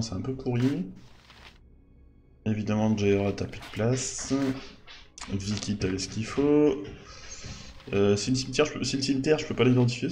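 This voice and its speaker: A man's voice: mid-range voice, mellow, slight background noise. A man in his thirties giving casual let's play commentary, thinking aloud and muttering to himself.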